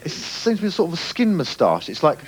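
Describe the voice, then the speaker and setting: A man's voice: fairly high pitch, huge pitch swings, brisk, a little hiss or hum. A young man doing stand-up with a dry, mock-serious delivery. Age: young adult. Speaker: stand-up comedian. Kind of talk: stand-up routine. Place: comedy club stage.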